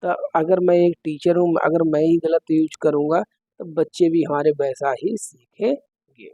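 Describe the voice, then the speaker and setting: Man, teacher, exam-prep lesson, fairly high voice, step-by-step questions, dry close mic. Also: fairly even intonation, a little slow, dark tone, no room sound, dull audio. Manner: explains step by step, asks the listener questions.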